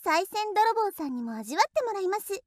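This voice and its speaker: A woman's voice: extremely high pitch, very animated, fairly quick, no echo, studio quality. A woman voicing a teasing, playfully cruel young female shrine maiden in an audio role-play drama, speaking politely in a sing-song tone.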